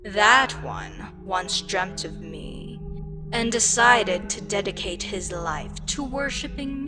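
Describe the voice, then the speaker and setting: Voicing a weary, frustrated ancient eldritch deity who finds mortals wistfully amusing, a woman delivers an intimate scripted ASMR monologue at medium pitch. She sounds disgusted and exasperated, speaking slowly and deliberately with pauses and breathy, whispery touches.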